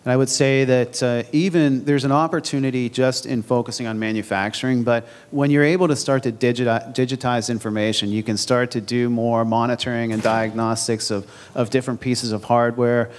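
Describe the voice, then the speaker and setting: A man's voice: medium pitch, steady tone, a little fast, few pauses. Businesslike man in his forties on a panel. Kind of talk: conference panel discussion. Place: large conference hall stage. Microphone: handheld microphone.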